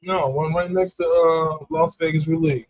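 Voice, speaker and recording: A man's voice: a little high, steady tone, moderate pace, no echo. A man co-hosting a comedy chat show, telling blunt, heated, profanity-filled stories and acting out the quotes. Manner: blunt, heated, swears constantly, acts out quotes. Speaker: co-host. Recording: dull lo-fi stream audio, dry.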